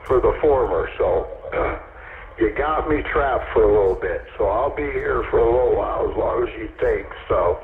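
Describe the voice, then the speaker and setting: A man from Colorado, a ham radio operator, chatting in a relaxed, easygoing way over an echoey radio relay and signing off with radio procedure. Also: medium pitch, moderate pace. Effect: echoey radio relay over an internet link. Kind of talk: casual on-air radio chat. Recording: echoey, tinny radio transmission with faint hiss.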